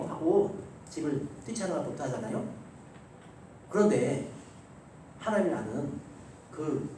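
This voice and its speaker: A male pastor delivers a Sunday sermon as emphatic storytelling, rising loud and dropping soft. His voice sits a little high and reaches the mic from far off. The church hall is very echoey, with a faint ambient hum underneath. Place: church sanctuary.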